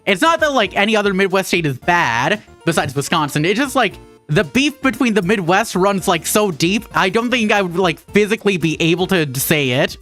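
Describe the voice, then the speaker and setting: A woman with a Minnesotan accent chats casually on a craft livestream. Her lively voice jumps up and down as she talks. She jokes irreverently with her viewers while she sews. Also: mid-range voice, normal speed, faint music behind. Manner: irreverent, jokey, talks to chat while sewing. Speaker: VTuber streamer.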